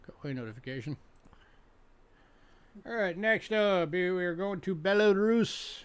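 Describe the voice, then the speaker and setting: A man's voice: high voice, animated, unhurried, clear, resonant tone. A man hosting a casual live-stream auction, chatty and joking as he sells items one by one. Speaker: online auction host.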